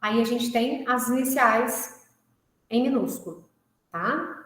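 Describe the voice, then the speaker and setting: A woman teaching a music class, walking through each point patiently and checking in with listeners as she goes. Her voice sits a little high for a woman. The sound rings heavily around a very echoey room. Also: takes it slowly, fairly bright tone. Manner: explanatory, checks in with tag questions. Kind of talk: recorded online class.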